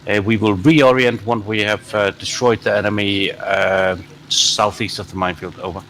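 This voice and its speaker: A man commanding a team in a military simulation game, giving deliberate, halting tactical orders in formal radio procedure. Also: fairly low pitch, flat delivery, fairly bright tone, slight background noise.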